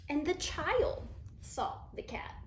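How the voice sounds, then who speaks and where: A mother in her thirties sits on her living room couch at home, reading a children's picture book aloud with expression, explaining it and asking the children questions. Her high-pitched voice is sing-song and slow. The room gives a roomy echo, with slight background noise.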